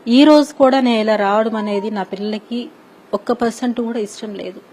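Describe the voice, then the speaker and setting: A woman's voice: fairly high pitch, moderate pace, a little mellow, low-quality recording. A woman in her thirties giving a distressed, pleading news interview, repeatedly addressing the interviewer respectfully.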